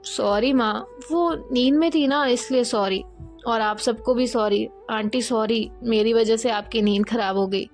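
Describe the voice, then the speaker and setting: A woman's voice: fairly high pitch, unhurried, soft background music. A woman voicing an impulsive young female student who stammers when caught out, in a storybook reading. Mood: flustered. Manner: flustered, stammering.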